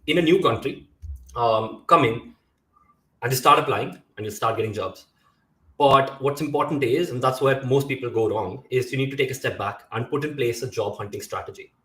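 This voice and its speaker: A man's voice: mid-range voice, fairly bright tone, reverberant, rough recording. A man from India, a career coach, giving earnest advice on a live video call, laying out points in lists with frequent fillers.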